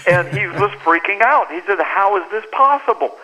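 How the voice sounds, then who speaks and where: Over a lo-fi phone connection, a high-sitting male voice at normal speed belongs to an American author being interviewed on radio. He spins an anecdote animatedly, voicing the quoted people himself.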